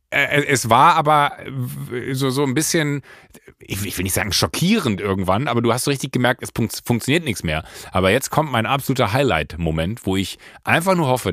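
A man hosting a podcast, telling a story in a casual, animated way with many fillers and restarts. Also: fairly low pitch, no room sound, studio quality. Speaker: podcast host.

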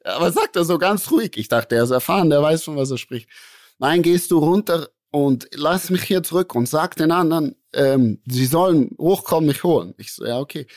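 Animated storytelling man, dry close sound. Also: a little high, normal speed, dry recording. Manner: animated, acts out voices in his anecdote, slangy. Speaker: podcast co-host telling a story. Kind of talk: casual storytelling among friends.

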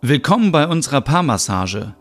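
A man's voice: medium pitch, sing-song, normal speed, soft background music, voice pushed up. Man as a cheerful spa masseur, raised voice, upbeat, formal, audio soap. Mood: welcoming.

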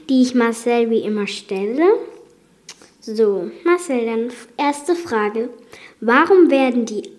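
A woman reading a fairy tale aloud in a calm, measured way as podcast host. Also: on the high side. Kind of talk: slow fairy-tale narration.

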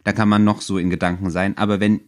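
A man with a lowish voice co-hosts a casual podcast about a book. He is ironic and makes jokes as he goes. The talk sounds loose and unscripted. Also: level tone, quick pace. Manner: ironic, joking. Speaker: podcast co-host.

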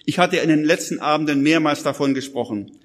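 A man with a high voice preaches urgently to a gathered crowd, pressing each point with emphasis. His words ring out with a long hall reverb behind them. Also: a little fast. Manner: urgent, emphatic, addresses listeners directly. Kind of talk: live sermon. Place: church hall with audience.

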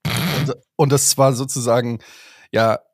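A man's voice: medium pitch, fairly even intonation, measured pace, no echo, studio quality. A man co-hosting a casual podcast, playful and self-mocking, who drifts into jokes. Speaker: podcast co-host. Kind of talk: casual chat.

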